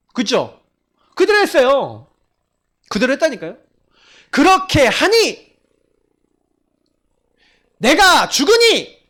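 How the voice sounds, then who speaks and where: High-pitched, animated male pastor preaching. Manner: animated storytelling, acted quotes and rhetorical questions. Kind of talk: sermon.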